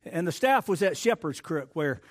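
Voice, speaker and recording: A middle-aged man preaching a sermon as pastor, swinging from loud emphatic lines to hushed asides and repeating phrases for emphasis. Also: on the high side, very animated, normal speed.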